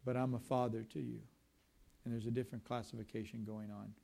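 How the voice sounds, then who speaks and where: Animated preacher telling stories. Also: male voice, mid-range voice, brisk, vocal fry. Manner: animated storytelling with conversational asides. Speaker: pastor. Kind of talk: sermon.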